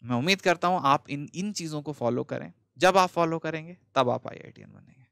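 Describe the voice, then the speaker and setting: A man's voice: a little high, brisk, vocal fry, bright, forceful tone, smooth, dry recording. Man, motivational teacher, direct, repetitive, dry close sound. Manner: direct, scolding-but-friendly, repeats points for emphasis. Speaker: online coaching teacher. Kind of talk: motivational talk to exam students.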